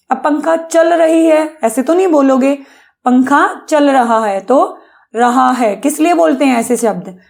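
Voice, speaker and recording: A woman's voice: sits high, gravelly, darkish tone. A woman teacher giving a patient grammar lesson to children, often asking questions and answering them herself. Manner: patient, addresses pupils as beta, asks and answers own questions.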